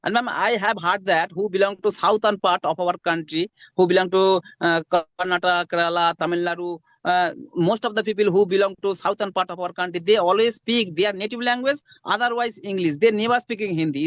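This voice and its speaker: A man's voice: high voice, fairly quick, a bit bright, no room sound. A man with a Bengali Indian accent and Bengali as his first language, hosting a conversational interview and often repeating and rephrasing himself. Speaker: host of English conversation channel.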